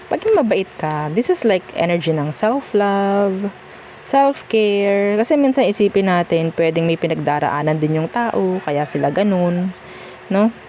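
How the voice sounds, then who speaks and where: Warm and mid-pitched, this tarot reader speaks a little slowly with lively intonation over slight background noise. She has a Filipino accent, mixes Tagalog with English, and keeps the casual reading chatty and reassuring, asking "okay?" again and again.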